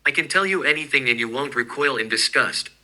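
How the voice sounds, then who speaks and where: A man's voice: mid-range voice, lively intonation, brisk, sharp tone, low-quality recording. A man voicing a wealthy, thoughtful inventor who talks in a dry, probing way. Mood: earnest.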